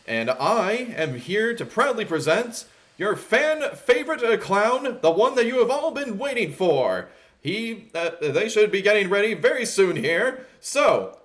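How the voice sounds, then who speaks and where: A man voicing a showy male announcer who presents a clown at a children's show, booming and hammy with little stumbles. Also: a bit bright, exaggerated voice.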